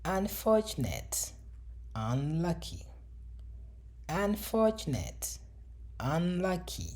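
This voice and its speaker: Woman, low pitch, very slow, breathy, lively intonation, scripted vocabulary lesson. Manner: reads each word pair twice, then each example sentence twice. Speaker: vocabulary teacher. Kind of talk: slow scripted word drill.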